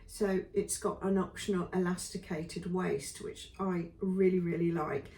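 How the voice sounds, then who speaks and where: Chatty woman, going hoarse, lowish voice, roomy sound from a distance. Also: fairly even intonation, measured pace, a little mellow. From England. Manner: chatty, many ums and trailing lists. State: losing her voice. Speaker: sewing vlogger. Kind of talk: casual spoken review.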